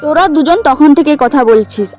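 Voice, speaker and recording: A woman's voice: high-pitched, brisk. A woman acting out a bossy class monitor in a comic sketch, scolding and threatening classmates. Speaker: comedy sketch creator. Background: music.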